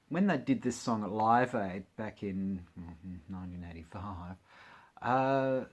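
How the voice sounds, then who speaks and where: A man chatting casually about his record collection, with wry, jokey asides. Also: mid-range voice. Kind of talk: casual chat while unboxing records.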